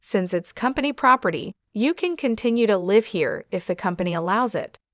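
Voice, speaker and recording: A woman reading the lines of a lawyer in a narrated story, calm and matter-of-fact. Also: mid-range voice, normal speed, no echo, studio quality, close to an everyday voice.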